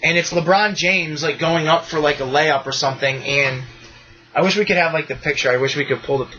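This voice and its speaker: A man hosting a podcast in casual chat, excitable and rambling, swearing freely with bursts of enthusiasm. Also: on the high side, a little fast, highs cut off, faint music behind. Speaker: podcast host.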